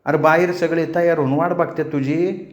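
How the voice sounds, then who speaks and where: A man's voice: fairly even intonation, moderate pace, muffled recording, lightly acted. A man putting on a pleading village sister. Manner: high coaxing pleading calls. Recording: roomy echo.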